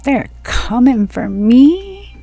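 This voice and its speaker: A woman in her forties from Florida telling a personal story from home in a slow, rambling monologue that drifts onto tangents. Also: a little high, very animated, dark tone, faint music behind. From Florida, USA. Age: 40s. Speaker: spiritual video creator. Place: at home, indoors.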